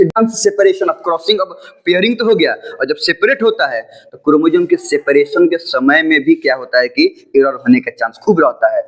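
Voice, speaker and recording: A man teaching a school biology lesson in a casual lecture style, asking rhetorical questions and repeating points, with English textbook lines read slowly. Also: medium pitch, low-quality recording. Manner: explains with rhetorical questions and repetitions. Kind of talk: informal classroom lecture.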